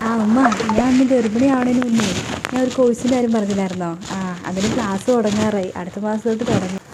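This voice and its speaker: A meek young daughter-in-law acted by a woman who talks fast and hesitantly. Her voice sits fairly high, over clear background noise in a home comedy skit. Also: steady tone, natural voice. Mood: pleading. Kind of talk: comedy sketch acting.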